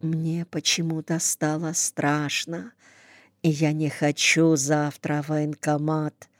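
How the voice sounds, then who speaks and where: A tearful young woman speaks in a hushed, pleading voice, as a woman audiobook reader gives her lines. The delivery is slow and level, and the smooth voice sits close in a dry recording. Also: lowish voice, little pitch movement, dry recording. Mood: whispering. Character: impulsive young woman volunteering for war, tearful.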